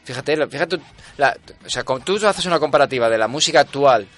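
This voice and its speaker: Bright-voiced man, mock-pedantic rambler. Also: medium pitch, lively intonation, fast talker, faint music behind. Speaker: podcast co-host. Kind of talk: improvised comedy banter.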